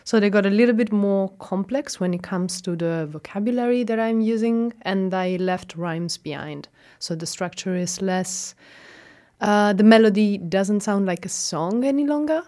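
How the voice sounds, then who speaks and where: Appearing as a guest in a relaxed interview, this young woman from Italy speaks with an Italian accent, Italian being her first language. At medium pitch and normal speed, she muses hesitantly, filling gaps with ums and quiet laughter.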